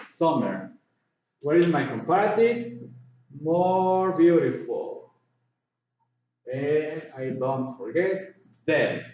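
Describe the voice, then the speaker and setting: A man teaching an English grammar lesson, slowly repeating words and spelling letters out. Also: high-pitched, darkish tone, slight background noise. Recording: echoey, distant, dull room sound.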